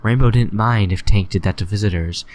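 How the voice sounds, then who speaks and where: A man's voice: fairly low pitch, a little fast, darkish tone. A man reading his own fanfic aloud in a casual, stumbling way. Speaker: fanfic reader.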